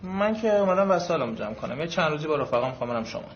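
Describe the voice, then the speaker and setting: A man's voice: on the high side, lively intonation, reverberant, lo-fi sound, slight background noise, natural voice. An actor playing a sulky young son who grumbles and is fed up with his family. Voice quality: sullen, grumbling. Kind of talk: comedy film acting.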